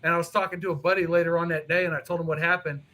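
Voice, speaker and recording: High, bright-voiced man telling stories. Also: racing, low-quality recording. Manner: animated, profane, mimics others in quotes. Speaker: co-host. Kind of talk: casual storytelling chat.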